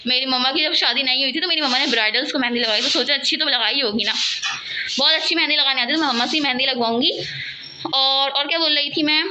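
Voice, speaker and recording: A woman vlogging casually at home, chatting and rambling to her viewers and talking loudly over household noise. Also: high-pitched, fast talker. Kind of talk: casual home vlog chat. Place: at home, cooking and sweeping nearby.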